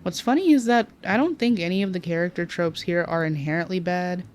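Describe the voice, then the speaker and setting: A woman's voice: lowish voice, a little fast, a little mellow, soft background music. A young woman talking through her anime commentary in a candid, self-mocking way and swearing at her own slip-ups, with a slightly nasal voice. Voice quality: says she sounds nasal. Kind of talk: casual scripted commentary with outtakes.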